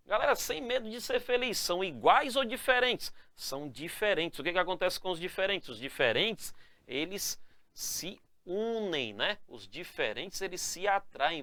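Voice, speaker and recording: An energetic male teacher explains a spelling rule to his viewers, checking in with them after nearly every phrase. His voice is sharp and bright and swings up and down a lot. It is recorded close and dry. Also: fairly high pitch, no room sound. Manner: energetic, calls the viewers "galera" and "moçada", ends phrases with "né?" and "tá?"; stretches out key words slowly to stress them. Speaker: Portuguese grammar teacher. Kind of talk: lively spelling lesson to camera.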